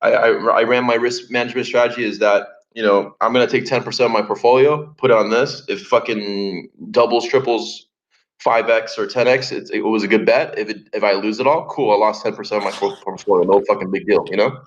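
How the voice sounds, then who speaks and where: A man's voice: fairly low pitch, fairly even intonation, a little fast. A man in casual voice chat, blunt and heavy with swearing, laughing between points. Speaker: Discord voice chat participant. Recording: lo-fi voice chat audio.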